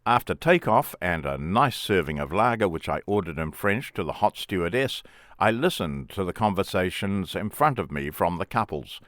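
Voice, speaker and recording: Brief: middle-aged man, deep and expressive, wry memoir reading, dry close mic. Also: normal speed, no echo. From England. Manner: plain, wry first-person storytelling. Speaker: memoir author and narrator.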